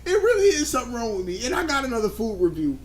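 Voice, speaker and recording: A man co-hosting a live talk show, loud and laughing, saying he is drunk. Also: extremely high pitch, wildly swooping pitch, rapid-fire. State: tipsy. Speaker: podcast co-host. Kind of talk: casual live-show banter.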